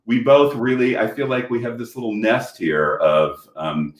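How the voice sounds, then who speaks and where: Medium in pitch and moderate in pace, a man chats casually on a panel via video call from his home. His talk meanders, full of fillers and false starts, and the room has a noticeable echo.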